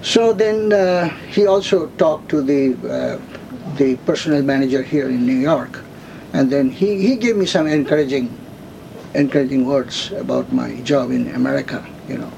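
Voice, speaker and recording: A man in his seventies from India, slowly telling his life story in an oral history interview, with many pauses and fillers. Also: mid-range voice, gravelly, mellow, a little hiss or hum, poor audio. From India, West Bengal. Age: 70s.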